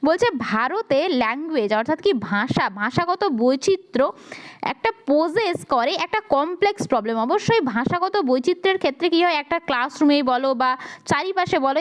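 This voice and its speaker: Lady going over exam questions, high voice, reads the english bits slow and careful. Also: rough recording. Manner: explains each option, then rephrases it in simple words. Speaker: teacher. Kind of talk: exam prep lesson.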